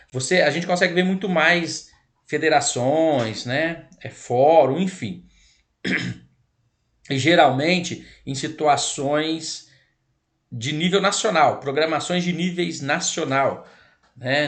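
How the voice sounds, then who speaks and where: A man's voice: fairly high pitch, fairly bright tone. A man with a Brazilian accent giving an online law lesson, explanatory and self-correcting, his throat scratchy and irritated. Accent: Brazilian Portuguese. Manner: explanatory, repeats and corrects himself, addresses "pessoal". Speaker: lecturer on child protection law.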